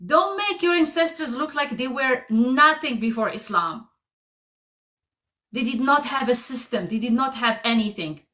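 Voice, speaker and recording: A woman's voice: high voice, lively intonation, a little slow, sharp tone. A woman from Algeria, hosting a heated live debate in a pointed, insistent manner that cuts in often. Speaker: debate stream host.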